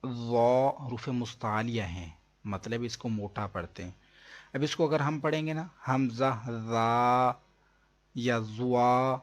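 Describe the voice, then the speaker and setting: A male teacher with a Pakistani Urdu accent leads a Quran reading lesson. His voice sits at a medium pitch, and he stretches each letter sound out slowly before explaining in a brisker, talking tone. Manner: slow, drawn-out demonstration of letter sounds, then quicker explanation.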